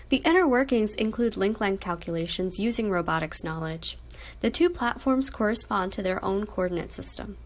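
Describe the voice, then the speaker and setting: A young adult woman reading a scripted technical explanation as a student presenter. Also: mid-range voice.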